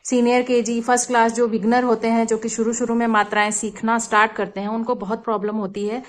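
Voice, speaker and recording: A woman with a fairly high voice teaches a lesson for young children. She explains with patience and stretches out each example word so it can be heard clearly. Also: level tone, fast talker.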